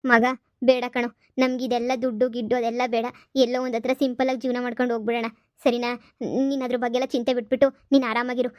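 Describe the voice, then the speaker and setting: A woman plays a caring middle-aged cartoon mother with a fairly high, flat voice. She soothes her family quickly and gently, and the recording is dry and close. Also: no echo, natural voice. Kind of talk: cartoon voice acting.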